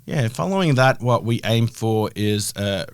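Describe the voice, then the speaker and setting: A man's voice: lowish voice, expressive, measured pace, clear, resonant tone, no echo. A middle-aged man with a broad Australian accent, explaining his work as a guest in a conversational interview. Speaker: interview guest, health-tech founder.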